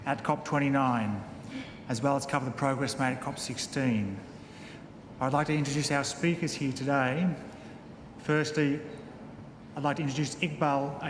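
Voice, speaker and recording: A man moderating a press conference, reading formal prepared remarks with some hesitation. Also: medium pitch. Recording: echoey hall, audible noise.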